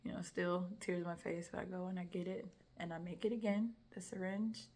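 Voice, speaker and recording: A young woman tells her own story in a casual, heartfelt way, slipping into hushed whispers when a moment grows tense. Her voice sits a little low for a woman, and the telling stays emotional and animated throughout. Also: fairly quick. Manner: emotional, animated retelling with soft whispered asides. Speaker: testimony speaker. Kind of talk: personal testimony, casual storytelling.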